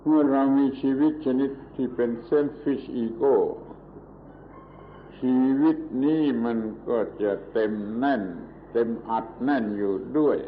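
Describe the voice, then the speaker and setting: A man giving a Buddhist sermon as a monk, talking slowly and deliberately and repeating words for emphasis, on a muffled old recording. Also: mid-range voice. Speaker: monk giving a Dhamma talk. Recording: muffled, phone-like old tape with faint hiss.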